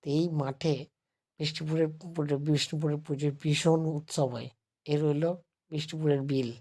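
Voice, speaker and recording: Male vlogger, sore throat, soft and unhurried, flat even delivery, phone-recorded. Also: on the high side. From West Bengal, India. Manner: speaks slowly and softly, addressing viewers as friends. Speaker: travel vlogger. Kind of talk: casual vlog narration. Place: temple grounds. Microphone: phone held while filming.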